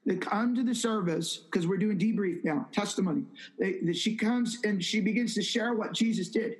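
High-voiced man telling a testimony. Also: normal speed, low-quality recording. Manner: animated storyteller who acts out quoted speech; repetitive, emphatic phrasing. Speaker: evangelist guest. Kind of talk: testimony storytelling in an interview.

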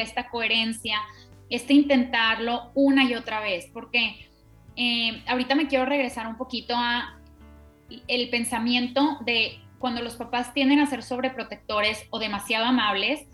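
A woman co-hosting a parenting chat, explaining calmly and steadily with plenty of examples. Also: fairly high pitch, normal speed, faint music behind. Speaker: parenting podcast co-host.

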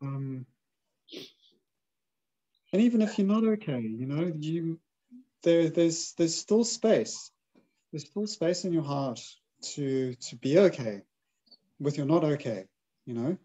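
A man hosts a gentle spiritual conversation, talking earnestly and agreeing often. His voice sits fairly high, with a warm, mellow tone. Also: lively intonation, slow, pauses often, low-quality recording. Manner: soft affirming backchannels, earnest. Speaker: podcast host.

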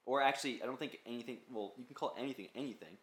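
A man's voice: mid-range voice, rapid-fire. A young man co-hosting a casual podcast chat, rambling and swearing freely as he lists things off. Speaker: podcast co-host. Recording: roomy echo.

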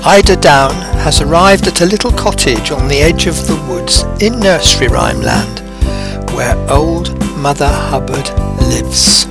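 A man narrating and reading credits in a measured, scripted way. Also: fairly high pitch, very animated, gravelly, loud music behind the voice.

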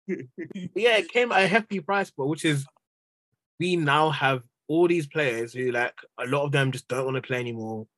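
On a dry recording, a young male football podcast panellist who backs Chelsea rants with exasperation in easygoing football banter. His pitch is fairly high, his tone fairly bright, and his pace moderate, with an urban London street-slang accent.

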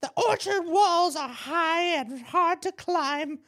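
A woman putting on a shrill old hag voice. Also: slow pace, a bit bright, heavily acted. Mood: shrill, hammy. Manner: theatrical verse reading, breaking into giggles. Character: cackling shrill old hag as young heroine. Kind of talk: comic script read-aloud.

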